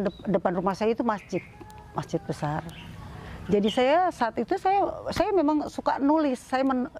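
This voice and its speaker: A middle-aged woman with a mid-range voice shares a personal story casually in an interview, using lots of fillers and restarts and mimicking the people she quotes. Faint background noise and birdsong can be heard.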